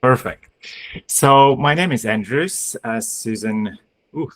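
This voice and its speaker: A man's voice: mid-range voice, takes it slowly, a bit bright. A man, a sports medicine doctor giving a webinar talk over a video call, hesitant with many fillers and restarts. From Lithuania. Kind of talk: webinar presentation.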